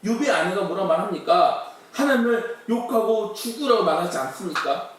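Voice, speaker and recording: A man's voice: sits high, lively intonation, normal speed. A man preaching a sermon who asks many rhetorical questions and acts out quoted complaints. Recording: very echoey hall from far off.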